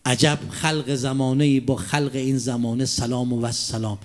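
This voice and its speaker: A man preaching a religious sermon, asking the audience rhetorical questions and reciting Arabic quotations slowly and deliberately. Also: medium pitch, flat delivery. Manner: drops to a hushed near-whisper for emphasis.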